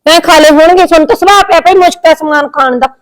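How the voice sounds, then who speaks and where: Lady doing a very high quick punjabi auntie, bossy and fussy, always nagging. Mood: scolding. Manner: demanding, scolding, picky. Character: bossy fussy aunt, middle-aged woman. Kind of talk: village short film acting.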